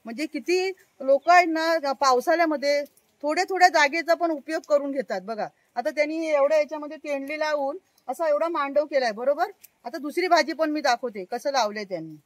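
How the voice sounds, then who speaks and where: A woman with a Konkan Marathi accent and a bright, high-pitched voice gives a casual walking tour of a village garden outdoors. She talks chattily into a handheld phone and keeps pointing things out to her viewers. The sound is dry and close, with little room echo. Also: fairly quick. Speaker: vlogger. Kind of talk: casual walk-and-show garden vlog.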